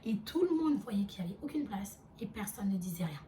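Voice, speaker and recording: A young woman vlogger telling a storytime, animated and chatty with lots of fillers. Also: medium pitch, a little fast, recorded from a distance, slight background noise. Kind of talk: storytime vlog.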